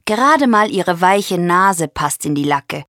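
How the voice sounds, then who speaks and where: A woman reading a children's story aloud in a slow, animated storytelling manner. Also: on the low side, no echo, clean studio sound.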